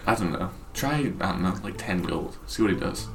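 A woman's voice: a bass voice, lively intonation, normal speed. A woman chatting casually as a player in a tabletop game.

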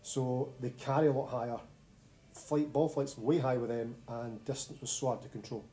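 A man's voice: medium pitch, fairly even intonation, moderate pace, warm tone. A man with a Scottish accent co-hosting a podcast in a casual, bantering chat about sport. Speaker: podcast co-host.

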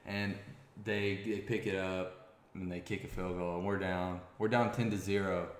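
A man's voice: deep voice, moderate pace. A young man, a former quarterback, tells a long story in a casual interview, rambling with restarts. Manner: rambling, many restarts, grows excited. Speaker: former college quarterback guest. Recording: echoey room.

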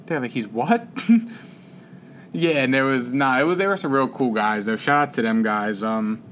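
A man in an easygoing sports chat, loose and rambling, packing his talk with fillers and quick laughs. His pitch sits in the middle range for a man. A faint hiss of background noise runs under the voice. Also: fairly bright tone. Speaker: podcast co-host.

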